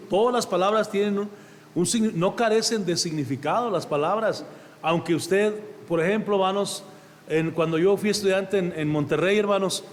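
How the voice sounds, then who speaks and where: A man's voice: sits high, long reverb tail. A man with a Mexican accent, a pastor preaching a sermon in a conversational way and often calling the congregation "brother". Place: church.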